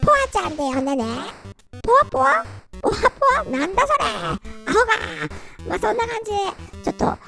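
A man's voice: very high-pitched, animated, rapid-fire, gravelly, few pauses, pushed and bright, faint music behind, voice pushed up, full character voice. A man using a voice changer to play a playful, girly female VTuber persona, with a synthetic, processed sound. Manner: playful, goofy outbursts.

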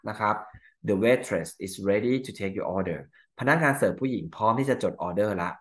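In a lowish, animated, fairly bright voice, a man with a Thai accent walks through exam answers, reading English lines slowly and explaining each one in Thai.

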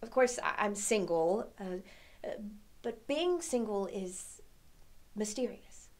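A young woman performing a dramatic monologue as a troubled, pensive single woman, a halting, searching soliloquy full of hesitant pauses. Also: medium pitch, expressive, darkish tone. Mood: wry, uneasy. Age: young adult. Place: indoor studio against a plain backdrop.

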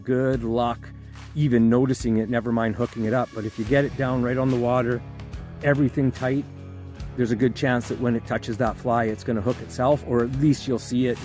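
Relaxed male vlog host, outdoors on a lake, explaining tackle, music bed behind. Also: mid-range voice. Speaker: fly fishing show host. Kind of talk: casual outdoor vlog talk.

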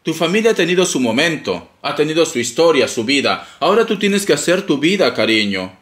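This teasing, theatrical tarot reader has a brisk, sing-song voice on the high side with a bit of brightness. He gives a playful, casual reading and calls the listener darling, all recorded in an echoey room.

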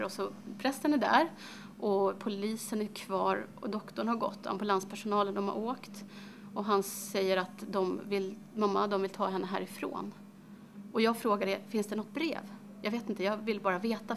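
Brief: a woman playing a grieving middle-aged mother in a dramatic monologue, creaky and halting, over a noisy hiss. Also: medium pitch, natural voice. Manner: halting, hesitant, many pauses and fillers. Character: grieving mother, middle-aged, recalling her daughter's death. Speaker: actress performing a monologue.

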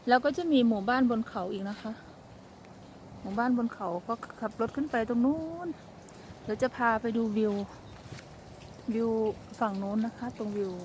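Middle-aged woman, from Thailand, fairly high voice, chatty vlog walk, faint outdoor noise. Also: normal speed, pauses often, a little mellow. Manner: chatty, politely addresses the viewers. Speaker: travel vlogger. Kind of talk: casual walking tour narration. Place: outdoors on a forest trail and hillside.

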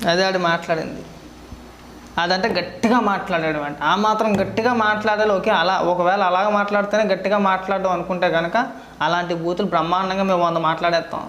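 A man giving heated political commentary, scolding his target with rapid rhetorical questions. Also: high voice, steady tone, a bit bright, roomy sound, a little hiss or hum.

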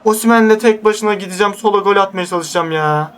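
A young man giving excited live commentary over his own football video game match, groaning and pleading when his team loses the ball. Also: high-pitched, fast, smooth, recorded from a distance. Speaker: gaming YouTuber.

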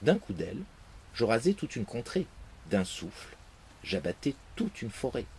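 A man reading a fairy tale aloud, expressive in his first-person telling. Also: medium pitch, moderate pace, a little hiss or hum. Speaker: narrator. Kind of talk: storybook reading.

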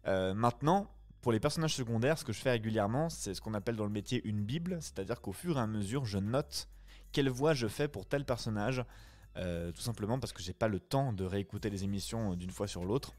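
Low-voiced streamer chatting. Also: male voice, expressive, a little fast, darkish tone. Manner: friendly, reflective, chatty. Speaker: streamer and voice-acting reader. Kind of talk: casual chat answering live viewers.

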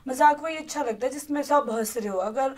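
Young woman in her twenties, podcast guest, high voice, earnest and heartfelt. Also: fairly quick, crowd noise. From Himachal Pradesh, India. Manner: heartfelt, earnest, near tears at times. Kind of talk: emotional personal chat.

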